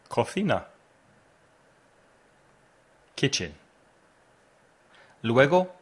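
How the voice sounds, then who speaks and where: A man hosting a podcast lesson, teaching vocabulary and patiently prompting the listener to repeat words after him. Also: on the low side. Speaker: language teacher and podcast host. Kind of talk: slow, deliberate English lesson with drills.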